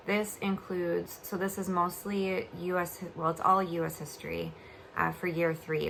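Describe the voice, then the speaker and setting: A young woman with a slightly low, creaky voice talks casually to her viewers. Her words come out a little slurred, as if her mouth is swollen while recovering from oral surgery. She rambles in a giggly, homespun vlogger way, with faint noise behind her. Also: a bit bright, poor audio. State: recovering from oral surgery, talking a bit funny. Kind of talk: casual chatty vlog. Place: bed at home.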